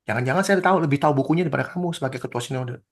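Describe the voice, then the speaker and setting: A pastor leads a teaching discussion over a video call, speaking in rapid-fire bursts with a medium-pitched voice. He is emphatic and indignant, acting out the exchanges he quotes.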